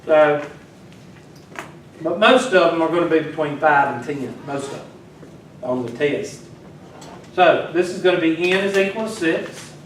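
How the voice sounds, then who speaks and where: A man teaches a class, teasing his students and talking to them as he works, in a classroom lecture. His voice is a little high and a little slow, with frequent pauses. He is far from the mic, and the echoey classroom is heard from a distance with faint noise.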